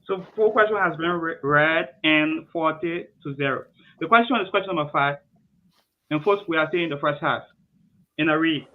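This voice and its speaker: A man's voice: on the high side, normal speed. A man from Liberia reading quiz questions and ruling on answers, emphatic and repeating his verdicts. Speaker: quizmaster. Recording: muffled lo-fi with faint noise.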